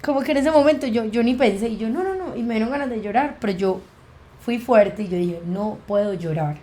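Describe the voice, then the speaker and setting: Mellow-voiced Colombian woman telling a story. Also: fairly high pitch, a little fast. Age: young adult. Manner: vivid retelling that acts out quoted dialogue. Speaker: podcast guest. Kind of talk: personal storytelling in a conversation.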